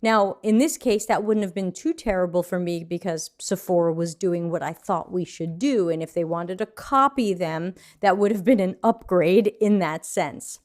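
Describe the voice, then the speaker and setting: A woman's voice: fairly low pitch, normal speed, few pauses. An American woman teaching a live online design lesson in a chatty, conversational way, answering viewer questions as she goes. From United States.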